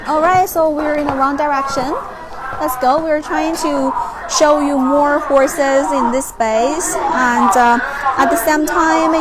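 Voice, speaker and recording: A woman hosting a casual live stream from a horse stable, chatting excitedly and cooing at the horses. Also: high-pitched. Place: horse stable with animals nearby. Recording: loud background noise from the stable.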